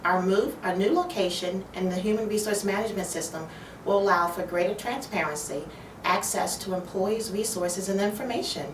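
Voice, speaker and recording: A woman's voice: mid-range voice, normal speed. A woman from human resources speaking in a fluent, polished way in a corporate video interview. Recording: roomy, distant mic, background noise.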